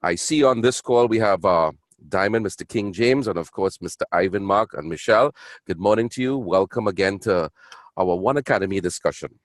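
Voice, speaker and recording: Upbeat, chatty male presenter on an online call; deep voice, dry close sound. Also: brisk, no room sound. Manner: chatty, upbeat, engaging the audience.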